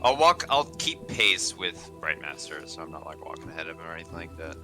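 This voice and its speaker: A man's voice: a bass voice, fast, bright, forceful tone, soft background music. A man playing a tabletop role-playing game, joking and laughing. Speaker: player.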